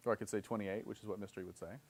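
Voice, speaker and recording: His voice is fairly low, creaky and husky, with a steady tone, and he races along. He's a seminar instructor in his thirties lecturing live, explaining step by step, checking in with "okay?" and acting out both halves of example dialogues.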